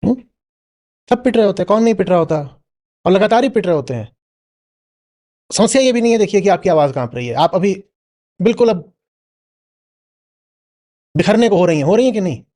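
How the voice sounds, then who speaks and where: Guy lecturing a crowd, fairly high voice, keeps poking them with questions. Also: warm tone. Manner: questioning, prods listener with "hmm?". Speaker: spiritual teacher answering an audience member. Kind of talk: spoken Q&A discourse.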